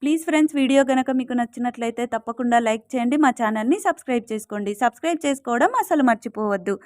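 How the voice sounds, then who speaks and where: A woman retelling a TV serial episode, walking through each scene and quoting the lines in a plain, steady way. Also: fairly high pitch, very fast, dry recording, clean studio sound. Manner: plain, steady retelling that links quotes with "she says". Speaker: storyteller recapping a TV serial.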